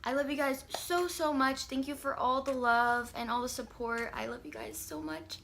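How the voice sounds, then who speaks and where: A woman's voice: sits high, moderate pace, gravelly, a bit bright, slight background noise. A young woman talking through a casual makeup tutorial in a chatty, rambling way, filling her sentences with "like". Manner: chatty, rambling, heavy use of "like". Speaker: beauty vlogger.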